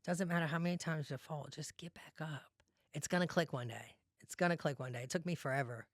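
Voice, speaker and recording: A woman's voice: sits low, fairly quick, no echo, studio quality. A woman, talking earnestly and emotionally as a podcast guest. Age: 40s. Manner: earnest, emotional, often says "you know what I mean". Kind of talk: heartfelt interview talk.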